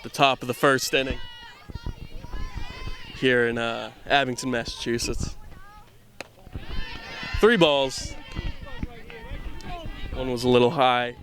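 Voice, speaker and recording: Young man doing casual headset commentary outdoors, rambling and offhand, mid-pitched. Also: steady tone, takes it slowly, pauses often, a bit bright. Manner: rambling, self-deprecating, offhand. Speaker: camera operator and commentator. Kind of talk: casual live sports commentary. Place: outdoors at a softball field.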